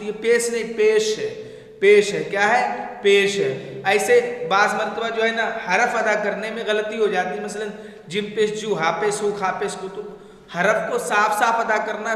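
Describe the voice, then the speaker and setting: A man's voice: high voice, fairly bright tone. A man teaching children to read the Arabic script, spelling out letters patiently and asking questions back. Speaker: Quran reading teacher. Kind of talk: spelling lesson with repetition. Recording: echoey room, mic far off.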